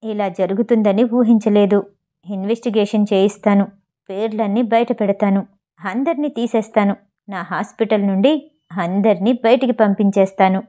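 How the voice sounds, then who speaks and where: A woman's voice: medium pitch, steady tone, moderate pace, natural voice. A woman reading the lines of a commanding, furious male hospital chief in an audio novel. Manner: shouting, indignant.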